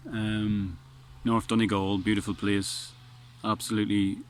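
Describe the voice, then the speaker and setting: Sitting on a beach, a vlogger with a strong, lowish male voice offers a casual spoken reflection at a measured pace with little pitch movement. He rambles earnestly and keeps restarting his sentences, while faint wind blows in the background.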